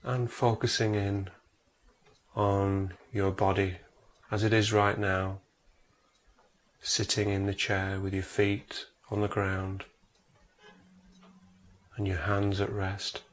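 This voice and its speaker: A man with a fairly low voice guides a meditation, speaking very slowly with little pitch movement. He gives measured instructions and leaves long pauses between phrases.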